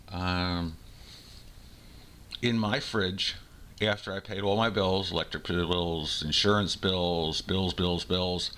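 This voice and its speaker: A man in his forties with a very low, bright and forceful voice. He rants informally in the first person, sounding aggrieved and exasperated. His delivery is blunt, with words repeated for emphasis. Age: 40s. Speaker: career chef. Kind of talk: first-person rant to the listener.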